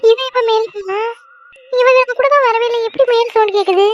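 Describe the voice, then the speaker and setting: A woman voicing a frightened girl alone in a dark house, calling for her friends and talking to herself. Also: extremely high pitch, steady tone, brisk, lo-fi sound, pitched above the performer's own voice. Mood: scared. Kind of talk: cartoon voice acting.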